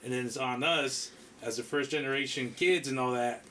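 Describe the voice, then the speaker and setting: Bright-voiced man chatting. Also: medium pitch, moderate pace, a little hiss or hum. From Mexico. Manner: mixes Spanish into English, swears casually. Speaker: podcast co-host. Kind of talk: casual chat.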